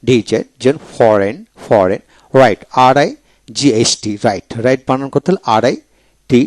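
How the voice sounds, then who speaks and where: A man teaching English pronunciation in a video lecture, spelling each word letter by letter and then repeating it slowly. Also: mid-range voice, no room sound.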